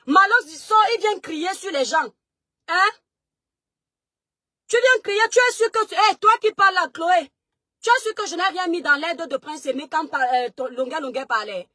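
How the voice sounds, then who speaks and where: A woman, hosting a live stream and shouting rapid, scolding questions at her viewers. She says her voice is going hoarse. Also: very high-pitched, lively intonation, no echo, clean studio sound. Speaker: livestream host. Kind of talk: heated live-stream rant.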